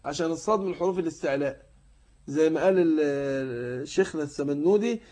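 A man's voice: high-pitched, a little mellow. A man with an Egyptian Arabic accent teaching Quran recitation rules in a tajweed lesson. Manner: explains rules in colloquial speech, then recites verses slowly in a drawn-out chant.

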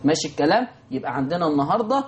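Fast-talking Egyptian sheikh teaching recitation. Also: male voice, a little high, a little hiss or hum. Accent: Egyptian Arabic. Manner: lively teaching, answers imagined student questions, chants verses slowly. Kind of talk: televised recitation lesson.

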